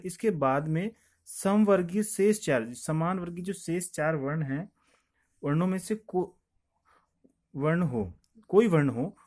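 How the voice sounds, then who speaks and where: A man's voice: fairly high pitch, a little mellow. A male teacher talks a class through a grammar lesson. He explains each rule step by step, poses a question, answers it himself, and says the key point again so it sticks. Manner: repeats each point, asks then answers his own questions.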